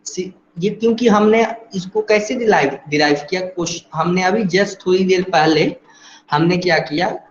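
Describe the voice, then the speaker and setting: A man's voice: high voice, normal speed, a little hiss or hum. A man teaching engineering in an online class with an Indian accent. He explains step by step and keeps asking rhetorical questions. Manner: explains step by step, asks rhetorical questions, frequent "theek hai". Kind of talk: online lecture. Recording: dull roomy online class audio.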